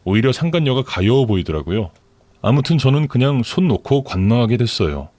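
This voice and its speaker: A man narrating a dramatic true-life story for radio, calm and matter-of-fact. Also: mid-range voice, no room sound.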